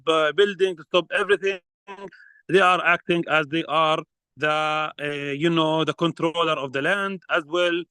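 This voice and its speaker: Earnest man with halting English. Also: a little high, fairly bright tone, no room sound, poor audio. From Palestine. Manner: earnest, halting with many fillers. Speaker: field researcher speaking at a press conference. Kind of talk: prepared statement at a press conference.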